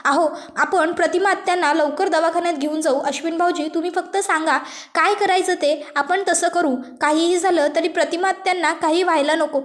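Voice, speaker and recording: A woman's voice: very high-pitched, fairly even intonation, brisk. A woman voicing an anxious pleading young woman. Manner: pleading, urgent. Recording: roomy echo.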